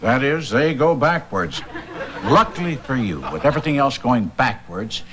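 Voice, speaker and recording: A man's voice: mid-range voice, animated, normal speed, a bit bright, natural voice. An actor playing a smug, scheming company boss who talks down to his employee in a sitcom. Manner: glib, patronizing. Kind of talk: sitcom acting.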